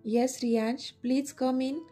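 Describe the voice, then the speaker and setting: A woman voicing a calm male family doctor who gives measured advice. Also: sits high, faint music behind. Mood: reassuring. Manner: measured, advising.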